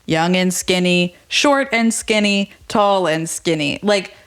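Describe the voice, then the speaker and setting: A woman's voice: lowish voice, slow, clear, resonant tone. A young woman co-hosting a podcast, retelling a reality show story in casual chat, acting out quotes and saying "like" often. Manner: frequent filler "like". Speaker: podcast co-host.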